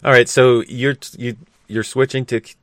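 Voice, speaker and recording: A man's voice: mid-range voice, level tone, moderate pace, fairly bright tone, no echo, studio quality. A man co-hosting a podcast, asking follow-up questions in a good-humored, inquisitive way. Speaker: podcast co-host. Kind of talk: casual podcast chat.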